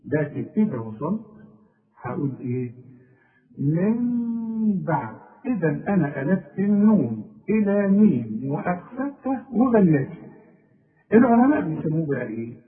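A man with an Egyptian accent teaching tajweed, slowly stretching out recited example words and quizzing the listener. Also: fairly high pitch, sing-song. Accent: Egyptian Arabic. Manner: repeats drawn-out example words, asks the listener questions. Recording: tinny phone-like audio.

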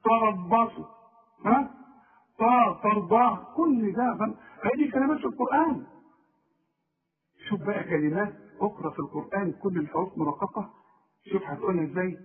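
High-voiced Egyptian man teaching, tinny. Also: brisk, pauses often, breathy edge. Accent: Egyptian Arabic. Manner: drilling, repeats examples, quizzes the listener directly. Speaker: Quran recitation teacher. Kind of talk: informal spoken lesson. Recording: tinny phone-like recording.

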